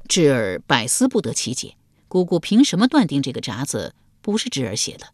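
A woman's voice: a bass voice, wildly swooping pitch, a little fast, a little mellow, no room sound, clean studio sound, pitched below the performer's own voice, heavily acted. A woman voicing a timid, anxious male court official who answers hesitantly and deferentially, with stammers, in a storybook reading.

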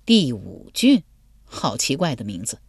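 A woman narrator voicing a guarded young male swordsman who answers in short, flat replies. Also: rumbling low, unhurried, creaky, breathy edge, no echo, clean studio sound, voice pushed down, heavily acted.

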